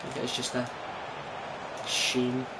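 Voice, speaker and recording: A man's voice: medium pitch, completely flat delivery, slow, creaky. A man with a broad Scottish accent, chattily commentating on a football video game with exclamatory, partisan reactions. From Scotland. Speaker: gaming streamer. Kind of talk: live football game commentary, casual chat. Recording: noisy stream with game sound behind. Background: football video game crowd and commentary.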